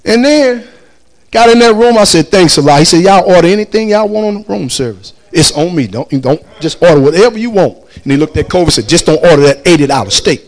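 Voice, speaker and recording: A man's voice: high-pitched, a little fast. A man telling a story casually, acting out the people he quotes and laughing as he goes. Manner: animated, acts out quoted voices, laughs often.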